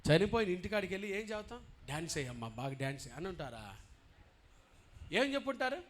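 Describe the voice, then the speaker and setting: A man preaching as a pastor, asking his congregation questions and moving between quiet talk and loud preaching. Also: high voice, big pitch swings, fast, a little hiss or hum. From India. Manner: swings from quiet, conversational asides to loud, impassioned preaching; asks the congregation questions directly. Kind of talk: sermon. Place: church.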